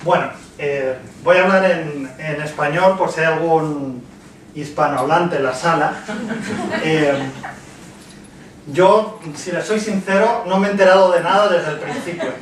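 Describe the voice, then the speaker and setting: A man's voice: a little high, fairly even intonation, normal speed, heavy reverb, distant mic, a little hiss or hum, low-quality recording. A man explaining things in an easygoing, chatty way. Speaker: video commentator. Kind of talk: casual explanation.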